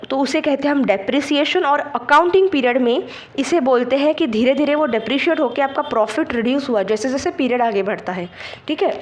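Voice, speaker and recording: A woman gives an online exam-prep lesson. She explains patiently, step by step, and keeps checking in with her students. She slips English terms into her Hindi as she goes. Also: high voice. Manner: patient, checks understanding with frequent "theek hai".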